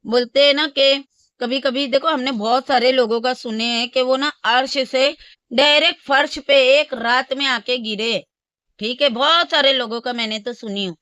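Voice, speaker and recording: Woman, reaction host, scolding and scornful, somewhat high pitch, dry close sound. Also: steady tone, normal speed, bright, forceful tone, dry recording. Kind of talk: casual ranting commentary.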